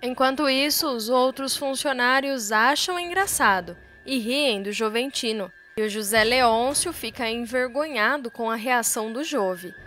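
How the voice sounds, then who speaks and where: A woman recaps soap-opera scenes in a brisk, lively storytelling voice pitched a little high. Faint music plays softly under her narration.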